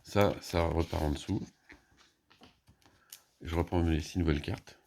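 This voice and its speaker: A man's voice: low-pitched, fairly even intonation, a little slow, creaky, darkish tone, a little hiss or hum. A man casually explaining his moves in a solo board game, thinking aloud with many hesitations and restarts.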